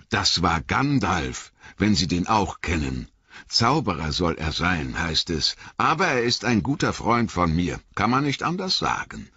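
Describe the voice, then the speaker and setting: A man's voice: lowish voice, slightly rough, no echo, pitched above the performer's own voice, heavily acted. A man voicing a chatty, flustered innkeeper in an audiobook reading, rambling and apologetic. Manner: rambling, apologetic, lively storytelling. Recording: dull lo-fi recording.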